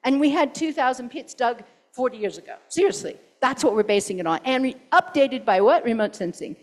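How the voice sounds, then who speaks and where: A woman's voice: on the high side, lively intonation, fairly quick. A woman giving a conference keynote and answering questions, emphatic and urgent, often posing rhetorical questions. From Pacific Northwest, US. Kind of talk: conference talk and Q&A.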